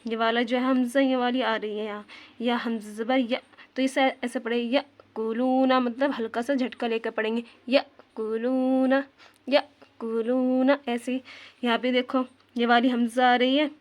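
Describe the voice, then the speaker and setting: A woman teaching a tajweed lesson on Arabic letter sounds. She patiently repeats terms, asks questions back to the viewer, and slows down to demonstrate pronunciation. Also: a little high, little pitch movement, lo-fi sound. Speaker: Quran recitation teacher.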